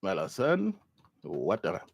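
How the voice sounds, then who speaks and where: A man with a low, gravelly voice and a breathy edge speaks slowly as he hosts a live talk show. Animated and indignant, he delivers political commentary while searching things up online.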